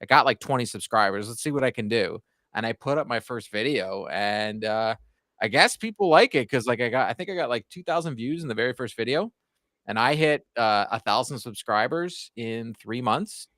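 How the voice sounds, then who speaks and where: Speaking at a normal pace with lively intonation, a Canadian man in his forties chats loosely about his hockey YouTube channel as a podcast guest. His medium, slightly bright voice wanders through fillers and false starts in a clean, echo-free studio recording.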